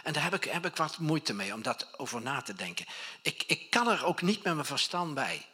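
A middle-aged man preaching a conversational, animated sermon as a pastor, often restarting his sentences. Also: a little high, normal speed, slightly rough.

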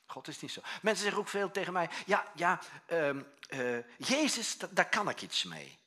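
A man preaching a sermon as pastor, telling stories with lively acted-out voices. He swings from hushed near-whispers to loud exclamations. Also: high-pitched, normal speed. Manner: animated storytelling, acts out voices, swings from hushed to shouting.

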